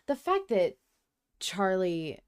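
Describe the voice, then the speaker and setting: A woman with a mid-range, smooth voice speaks slowly but very animatedly. She's a podcast co-host in a casual fan discussion of an audio drama, talking effusively and emphatically and swearing freely.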